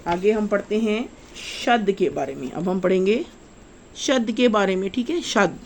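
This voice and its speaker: A woman, teaching children to read the Quran in a slow step-by-step lesson, repeating each rule and spelling out syllables with drawn-out vowels. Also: mid-range voice, expressive, slight background noise.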